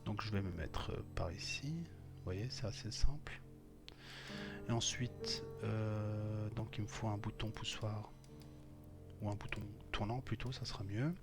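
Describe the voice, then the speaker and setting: Man, lowish voice, electrical wiring tutorial, step-by-step screen walkthrough, frequent fillers, faint music behind. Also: a little slow. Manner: thinks aloud while clicking, many fillers. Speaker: electrical instructor. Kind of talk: screen-recorded software tutorial.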